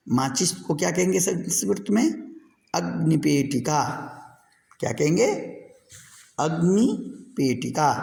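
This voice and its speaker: A man's voice: a little high, gravelly, a little mellow. A male Sanskrit teacher, drilling words and answering his own questions in a recorded class lesson. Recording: echoey room with long reverb.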